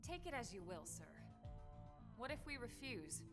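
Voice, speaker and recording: A woman voicing a calm, composed female squad leader in a video game, with a cool, level and wry delivery. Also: a little high, normal speed, over music.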